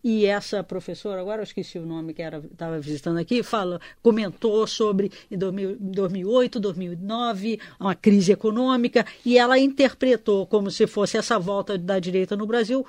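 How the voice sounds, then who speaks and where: A woman professor, answering on a panel in a measured, thoughtful way. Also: mid-range voice, a little mellow, no room sound. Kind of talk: discussion on a panel show.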